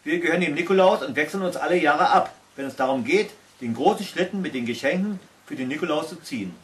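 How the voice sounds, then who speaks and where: A man's voice: a little high, quick pace, close to an everyday voice. A man voicing a spirited, mocking female reindeer in a storybook reading. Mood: chatty. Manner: mocking, lively.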